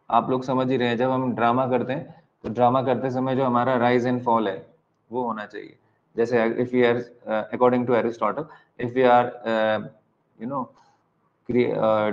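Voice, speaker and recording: A man with an Indian accent teaching an exam-prep lecture, mixing Hindi and English, dictating slowly, repeating key lines and spelling words out letter by letter. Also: medium pitch, darkish tone, highs cut off.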